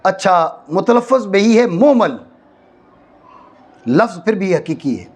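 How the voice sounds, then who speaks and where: High-voiced man teaching a class. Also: big pitch swings. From Pakistan. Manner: checks understanding, repeats phrases slowly for stress. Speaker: teacher of Arabic grammar. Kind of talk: classroom lecture. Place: madrasa classroom.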